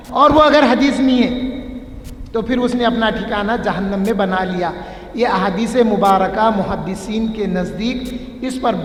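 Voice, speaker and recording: A man's voice: very high-pitched, a bit bright. A male religious scholar giving a mosque lecture, explaining points patiently through everyday examples. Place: large mosque hall. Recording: echoey hall with long reverb.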